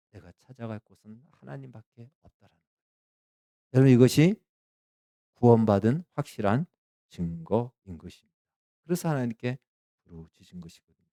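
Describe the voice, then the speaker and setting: A male pastor delivers a sermon with emphatic rises to loud peaks. His voice is smooth and clear, in a middle register. The sound is dry and close. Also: medium pitch, no room sound. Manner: emphatic, rising to loud peaks when quoting prayers.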